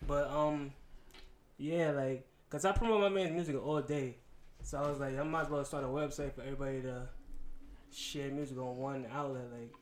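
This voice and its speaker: A man's voice: mid-range voice, fairly even intonation, moderate pace. A man with a Queens, New York accent in a casual chat, talking in a slangy, rambling way with lots of "like". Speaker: guest, music blogger and promoter.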